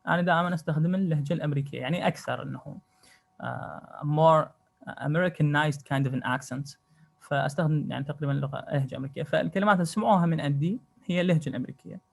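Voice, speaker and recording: A man's voice: fairly high pitch, creaky. Iraqi man lecturing in English and Arabic. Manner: code-switching between Arabic and English, slow careful English. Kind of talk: online lecture. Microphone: video call.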